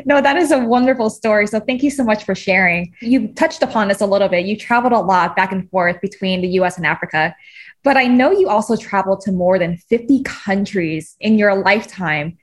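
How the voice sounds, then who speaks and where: A woman's voice: mid-range voice, fairly quick. A woman hosting a casual interview, answering her guest with encouraging, affirming replies. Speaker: podcast host.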